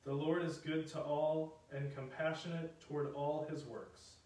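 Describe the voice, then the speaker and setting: A man serving as lector, reading scripture and the psalm in a measured, solemn way in a large church with cathedral echo. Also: on the high side, fairly even intonation, a little mellow. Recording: echoey cathedral from far off.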